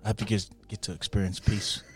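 A man's voice: on the low side, flat delivery, fast, soft background music. A man with a New Zealand accent chatting casually and jokily as co-host of a morning radio show. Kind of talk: casual, jokey radio chat.

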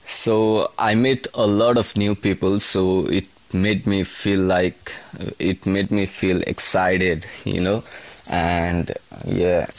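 Slow, deep-voiced young man. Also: flat delivery. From Nepal. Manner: halting, repeats and restarts words. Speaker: kitchen hand, interviewee. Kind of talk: casual interview.

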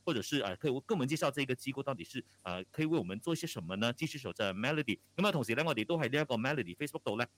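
A man's voice: mid-range voice, expressive, very fast, hardly any pauses, fairly bright tone. A man with a Malaysian Chinese accent hosting a live radio chat, casual and a bit hesitant in his phrasing as he switches between languages. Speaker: radio host.

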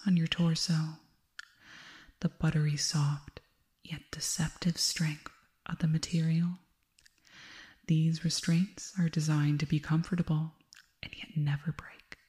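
In an ASMR roleplay, a woman plays a calm alien girl hypnotizing her human captive, using an exaggerated voice. It's low, soft and mellow, mostly whispered with a breathy edge. She delivers soothing commands with quiet, measured authority.

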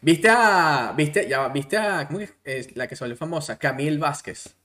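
A man's voice: a little high, expressive, normal speed, sharp tone. A man with a Venezuelan accent hosting a casual podcast chat, joking and swearing casually. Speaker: podcast host.

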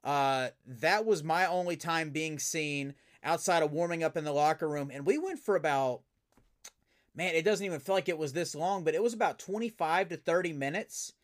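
A man, a professional wrestler, telling stories as a guest in a casual interview, animated and full of fillers and restarts. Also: a little high, normal speed.

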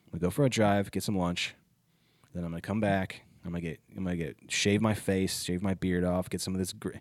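A man in his thirties hosting a podcast, rambling in a self-deprecating way with quick laughs. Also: sits low, level tone, dry recording. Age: 30s. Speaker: podcast host, comedian. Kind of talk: casual chat.

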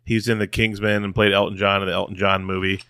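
A man's voice: fairly low pitch, little pitch movement, quick pace, bright, forceful tone, smooth, no room sound, clean studio sound. A man co-hosting a podcast, chatting casually, laughing often and getting worked up over stories. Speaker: podcast co-host. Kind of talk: casual chat.

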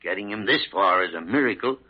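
An actor playing a crusty but devoted older senior doctor in an old radio drama, gruff, emphatic and raspy. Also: male voice, sits low, animated, quick pace. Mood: firm, fond. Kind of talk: 1940s-50s radio drama acting. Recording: muffled old radio recording.

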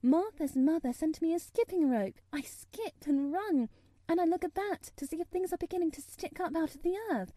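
Lady doing a shy little girl from a storybook, high voice, kinda stiff, shaky and pleading, very lilting. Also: expressive, normal speed, warm tone, dry recording. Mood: earnest, arguing. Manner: tremulous, stammering, pleading. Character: timid, stiff, earnest little girl, thin and plain.

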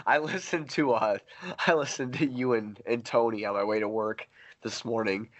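Male podcast host, average pitch, casual halting sports chat, close dry sound. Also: fairly even intonation, no room sound.

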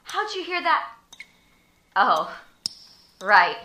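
A woman's voice: a little high, drawn-out words, a little hiss or hum, full character voice. A woman playing a scrappy, whiny orphan boy. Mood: exasperated. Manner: whiny, excitable. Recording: echoey room.

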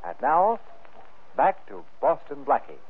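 A man's voice: a little high, big pitch swings, a little slow, breathy edge. A man announcing an old radio show, delivering a formal recap of the story. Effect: old radio broadcast. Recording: tinny old radio recording with music.

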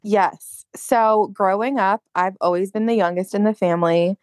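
A woman's voice: mid-range voice, fairly even intonation, normal speed, a little mellow, dry recording. A woman interview guest telling her personal story openly, with lots of "like" and "you know". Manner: open, conversational, many "like"s and "you know"s.

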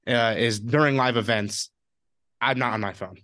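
A man co-hosting a casual sports podcast, jokey and quick to talk over his co-host. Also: medium pitch, sharp tone.

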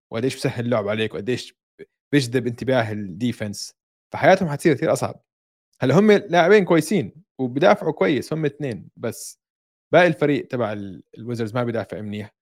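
A man's voice: mid-range voice, lively intonation, fast talker. A man with a Palestinian-Jordanian Levantine Arabic accent co-hosting a casual sports chat. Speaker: sports podcast co-host.

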